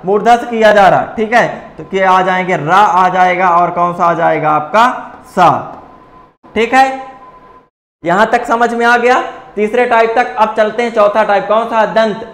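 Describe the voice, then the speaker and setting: A man's voice: sits high, measured pace, a bit bright. Guy teaching a class in a roomy echoey space, keeps asking then answering himself. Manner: rhetorical question-and-answer drilling. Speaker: coaching teacher. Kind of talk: classroom lecture.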